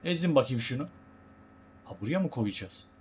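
A man's voice: medium pitch, lively intonation, moderate pace, a little hiss or hum. A man giving casual, joking let's-play commentary as a gaming YouTuber, talking to his viewers as guys.

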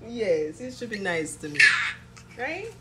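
A woman chatting casually to camera at home, eating and gently scolding her toddler between bites. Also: mid-range voice, very animated, measured pace, heavy background noise. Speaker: vlogger and mother.

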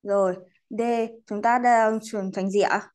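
A woman's voice: mid-range voice, fairly even intonation, unhurried, darkish tone. A woman teaching an English class, polite and patient, slipping English words into her explanations. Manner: polite, patient, adds courteous particles to most sentences. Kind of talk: online class lesson.

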